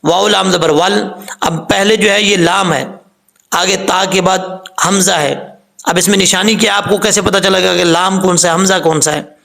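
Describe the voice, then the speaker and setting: A man's voice: high-pitched, fairly even intonation, normal speed, gravelly, fairly bright tone. A man teaching Quran recitation step by step, patiently correcting common mistakes and spelling out letters and vowel marks. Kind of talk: step-by-step tajweed lesson.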